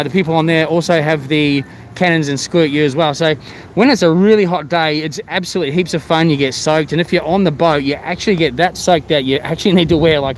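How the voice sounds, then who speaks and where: Mask-muffled Australian man live-streaming outdoors. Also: fairly high pitch. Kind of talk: casual live vlog chat, greeting viewers. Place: outdoors at a theme park. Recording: outdoor ambient noise, vehicle sounds.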